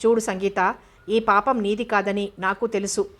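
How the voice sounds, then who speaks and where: A woman's voice: medium pitch, level tone, normal speed, close to an everyday voice. A woman reading a curt, sarcastic young man. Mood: stern. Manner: curt, cutting. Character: young man, stubborn and sarcastic toward his former love. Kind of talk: audiobook character voice.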